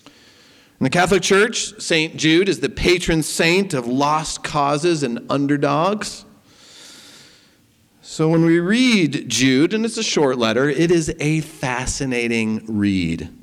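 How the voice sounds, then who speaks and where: A man preaching a sermon and leading prayer, speaking deliberately with prayerful pauses. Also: a little high, lively intonation, in a large hall. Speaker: pastor.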